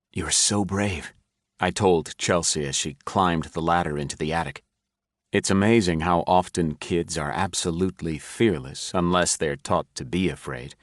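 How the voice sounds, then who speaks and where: A man's voice: deep voice, dry recording, clean studio sound. A man narrating a first-person audiobook in a wry, self-mocking storytelling manner.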